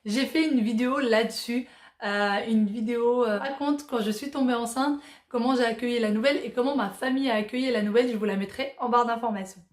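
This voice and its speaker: A Moroccan-born woman in her thirties hosts a casual Q&A vlog, reading out viewer questions and answering them with lots of fillers. Her voice is on the high side and fairly quick, and the room sounds echoey.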